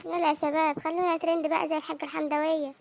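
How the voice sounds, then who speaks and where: Egyptian woman telling jokes for a cartoon channel, really high voice with some gravel. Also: level tone, a little hiss or hum. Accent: Egyptian Arabic. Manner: quick, chatty storytelling. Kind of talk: comic joke narration.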